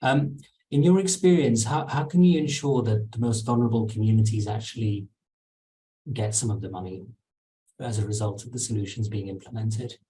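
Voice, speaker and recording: A man's voice: lowish voice, normal speed, dark tone, a little hiss or hum, low-quality recording. Polite male moderator from Bangladesh. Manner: polite, with small restarts. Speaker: host, moderator. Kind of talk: panel moderation.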